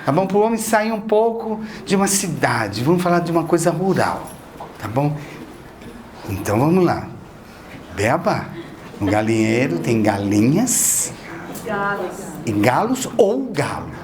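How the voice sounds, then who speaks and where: A man with a darkish voice on the high side speaks in a sing-song, measured way with long pauses. He's giving a conversational spiritual lecture in a spiritist association's lecture hall and asks the audience questions.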